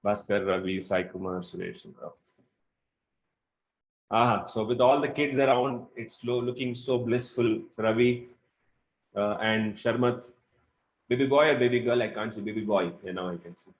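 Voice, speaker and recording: A man's voice: on the low side, normal speed, poor audio. A man teaching a live online class over a video call, chatty and informal, apologizing for running late. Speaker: instructor.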